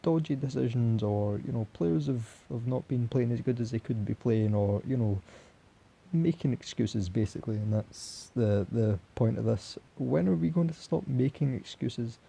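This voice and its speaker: A young man with a hoarse voice that is giving out, talking in a disappointed, halting way as a football fan reacting after a match. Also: medium pitch, warm tone. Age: young adult. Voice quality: husky, raspy. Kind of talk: solo post-match reaction talk.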